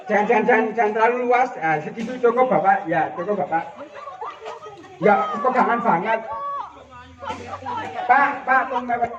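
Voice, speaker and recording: High-voiced man, game leader shouting instructions, far from the mic, muffled, echoey. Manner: shouted commands, joking and teasing. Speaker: outbound training facilitator. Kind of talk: leading group games outdoors. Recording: distant, roomy, muffled.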